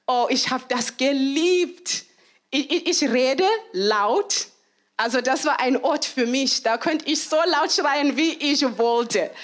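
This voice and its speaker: A woman preaching a sermon, lively and given to laughter, acting out cheers and quoted voices and slowing down hard on key phrases. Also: high-pitched. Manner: slows down for emphasis on key phrases.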